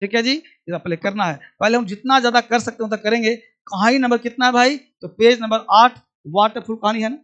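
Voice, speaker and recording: A man's voice: extremely high pitch, a little fast, few pauses, fairly bright tone, muffled recording. A man teaching English to a class, drilling verb forms aloud and answering his own questions. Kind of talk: classroom lesson.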